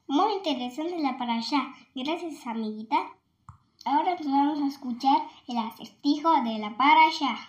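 A woman's voice: sits high, moderate pace. A woman presenting a scripted children's programme as its host. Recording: dull lo-fi, roomy echo.

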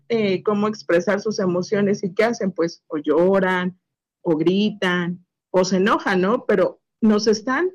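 A woman, a mother speaking earnestly and thoughtfully in a women's group, often pausing to search for her words. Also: medium pitch, a little mellow, muffled recording. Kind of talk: reflective group sharing.

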